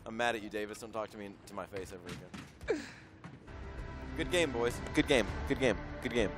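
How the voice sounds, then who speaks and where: A young man gaming in online group voice chat over a headset mic, rowdy and trash-talking, swearing and breaking into shouts. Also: lowish voice, normal speed, music in the background. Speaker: gamer.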